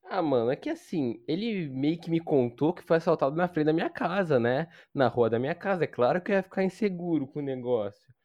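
A man's voice: fairly high pitch, expressive, fairly quick, darkish tone, no room sound. A teenage Brazilian man with a Brazilian Portuguese accent, chatting casually and emphatically and repeating his point. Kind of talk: casual chat. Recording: dry lo-fi sound.

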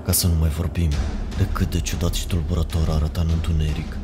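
A man narrating a horror story in a measured, ominous way. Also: very deep voice, level tone. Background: music.

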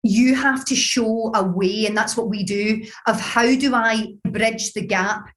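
A woman's voice: a little high, measured pace. A woman with a Glaswegian accent giving conversational interview answers, explaining her points with examples. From Scotland. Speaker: business founder, interview guest.

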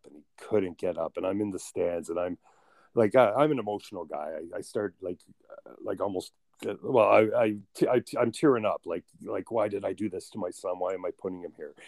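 A podcast host, a man, telling a personal story in a halting, emotional way, full of restarts. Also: on the low side, darkish tone, no room sound.

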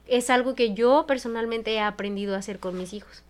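Female psychologist co-host, Mexican accent, candid and expressive, slightly high voice. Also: brisk, smooth. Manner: frank and expressive, swears freely. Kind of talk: casual podcast chat.

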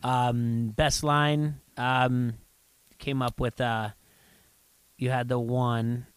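A middle-aged man in loose, rambling chat, often restarting sentences and getting lively when he retells scenes. His voice sits at an ordinary middle pitch. The recording is dry and close, with no room sound. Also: drawn-out words, smooth, no room sound. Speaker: podcast co-host. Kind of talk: casual chat.

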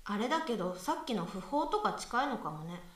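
Medium-pitched, a bit bright, very animated and a little fast, a woman voices a demanding, skeptical young female student in an amateur conversational radio drama. Her tone is dry and reasoning, and she sounds distant from the mic in an echoey room.

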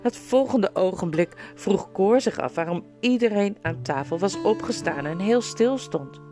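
Expressive woman reading a storybook. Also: medium pitch, unhurried, over music. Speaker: storybook narrator. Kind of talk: reading a children's novel aloud.

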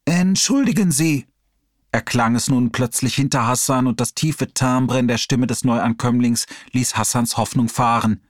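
A man reading an audiobook chapter aloud in a steady storytelling delivery. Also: medium pitch, normal speed, few pauses, no echo, clean studio sound. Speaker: audiobook reader. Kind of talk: audiobook narration.

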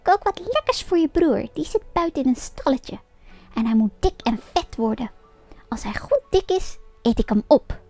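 A woman voicing a wicked, scheming old witch in a storybook reading, with a shrill, strained, airy voice and a sly, mocking manner. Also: very animated, moderate pace, mellow, no room sound, soft background music. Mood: bossy. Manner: sly and mocking, barking orders.

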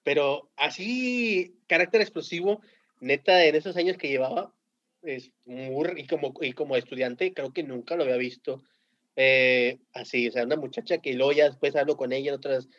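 Slangy Mexican teacher telling stories. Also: male voice, medium pitch, normal speed. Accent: Mexican Spanish. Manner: animated, slangy, laughing storyteller. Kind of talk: casual podcast storytelling. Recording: dull lo-fi sound.

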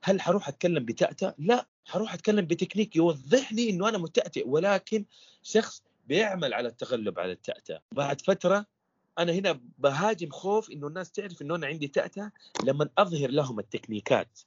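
A man's voice: a little high, big pitch swings, racing, breathy edge, no echo, muffled recording. A man, a stuttering coach guesting on an interview podcast, explaining in a teacherly way with repeated rhetorical questions.

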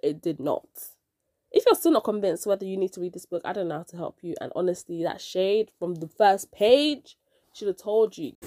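A woman hosting a casual book review podcast, nasal and stuffed-up from a cold, chatty and excitable as she talks straight to her listeners. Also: mid-range voice, no room sound, clean studio sound. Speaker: podcast host.

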